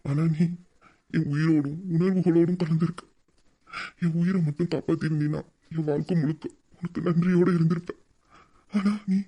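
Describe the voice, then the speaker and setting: A man's voice: on the high side, warm tone. A man voicing a young man who pleads for his lost love in an earnest audio drama monologue.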